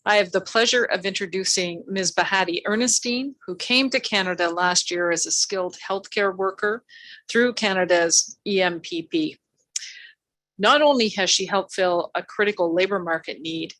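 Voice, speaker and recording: A woman's voice: fairly low pitch, fairly bright tone. A woman moderating a virtual event, giving a polished scripted introduction of the next speaker over a video call.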